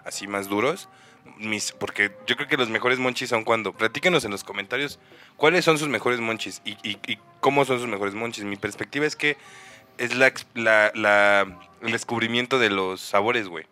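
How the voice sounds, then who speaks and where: A young Mexican man in easy, casual chat, full of slang and animated storytelling. His voice is bright and forceful. Faint music runs behind him. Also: fairly low pitch, normal speed. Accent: Mexican Spanish. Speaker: podcast co-host. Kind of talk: casual chat among friends.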